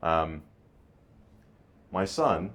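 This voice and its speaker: A man's voice: low-pitched, animated, very slow, a bit bright. A man in casual podcast chat, blunt and swearing freely as he speaks his mind. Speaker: business owner.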